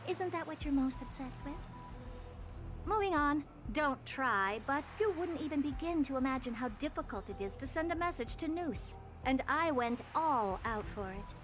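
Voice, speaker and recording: A woman's voice: sits high, expressive, moderate pace, fairly bright tone, soft background music. An actress voicing an aloof, impatient female genius scientist in a video game, dry and dismissive. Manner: dry, dismissive, matter-of-fact.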